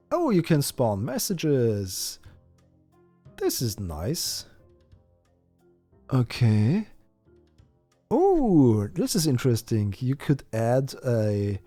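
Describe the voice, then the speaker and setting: A German-speaking man chats on a live game stream, thinking aloud with frequent fillers and restarts. His voice is mid-range with a dark tone.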